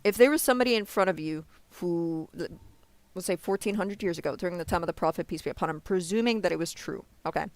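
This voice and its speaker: A man's voice: sits high, quick pace, no echo. A man in a street debate about faith, patiently explaining and often checking "you understand?". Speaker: religious debater.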